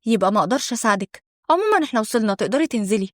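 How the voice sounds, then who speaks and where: Woman reading a cold older male cab driver, retired sorcerer, Egyptian accent, flat delivery, quick lines, fairly high voice. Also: no room sound, studio quality.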